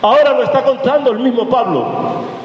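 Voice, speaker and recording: High-voiced preacher in an echoing church. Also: male voice, dull audio, slight background noise. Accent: Venezuelan. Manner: dramatic, slows and drops low when quoting scripture. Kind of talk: sermon. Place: church sanctuary. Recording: echoey church hall from the pulpit.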